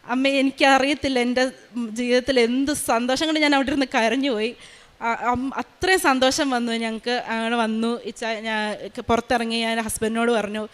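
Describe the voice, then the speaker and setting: A young woman, a maternity nurse, telling a personal faith testimony in quick, earnest storytelling with hesitant fillers. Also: a little high, steady tone.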